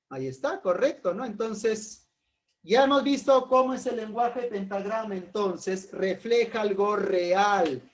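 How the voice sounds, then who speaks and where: A man teaches a philosophy class. He talks at an unhurried pace, calls on his students by name, tosses out rhetorical questions and jokes with them. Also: high-pitched. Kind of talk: informal class lecture.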